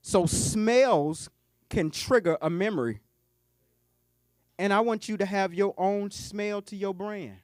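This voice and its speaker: A man's voice: high voice, takes it slowly, no room sound, studio quality. A man who coaches businesses, giving a live keynote talk at a conference lunch. He jokes and talks straight to the audience.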